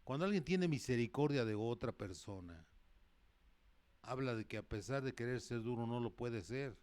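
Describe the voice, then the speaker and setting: A male preacher, mid-pitched and unhurried, working through a Bible passage. He reads verses with rising emphasis and then drops into plain, conversational explanation, often pausing to correct himself. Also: darkish tone. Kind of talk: sermon with Bible reading.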